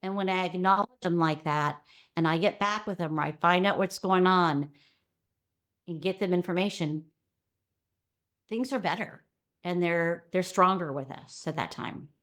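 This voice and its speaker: Lively middle-aged woman explaining as a guest. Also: lowish voice, normal speed, pauses often. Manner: lively, breaks into acted-out quotes. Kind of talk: conversational interview explanation.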